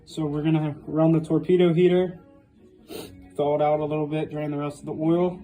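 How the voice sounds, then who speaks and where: A man's voice: fairly high pitch, little pitch movement, brisk, mellow, soft background music, poor audio. A man talking plainly and matter-of-factly as a home mechanic, in a casual how-to vlog style. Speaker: home mechanic presenting a dirt bike engine rebuild.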